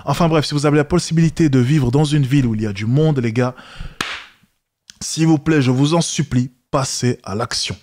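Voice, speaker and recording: A man with an average-pitched voice comments on a clip he is watching. He speaks straight to his viewers in a coaching tone. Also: a little fast, darkish tone. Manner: coaching tone, addressing viewers directly. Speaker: host reacting to a video. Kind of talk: reaction commentary.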